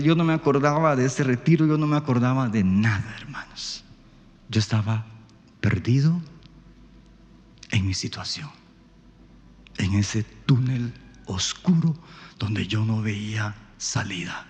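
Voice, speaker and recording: Pastor preaching in a reverberant church. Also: male voice, mid-range voice, expressive, a little slow, pauses often. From Guatemala. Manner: storytelling, swings from hushed to loud. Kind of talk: sermon.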